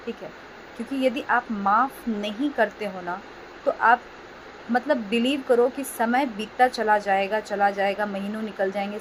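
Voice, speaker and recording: A woman hosting a self-help video, giving gentle casual advice to her viewers and checking in often with them. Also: mid-range voice, slight background noise, low-quality recording. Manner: gentle, repeats "ठीक है" often. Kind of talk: casual advice talk to camera.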